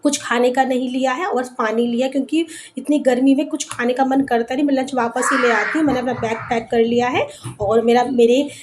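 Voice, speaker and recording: Young woman, high voice, chatty vlog, repeats words, walking outdoors, slightly breathless. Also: fairly even intonation, brisk, a little hiss or hum. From Bihar, India. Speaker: vlogger. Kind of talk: casual vlog chat. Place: outdoors on a village road, walking.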